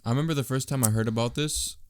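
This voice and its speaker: A man with a smooth, clear voice banters through a horror podcast. He keeps teasing his co-host in a joking, offhand way. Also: mid-range voice, rapid-fire, darkish tone. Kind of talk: casual horror film review chat.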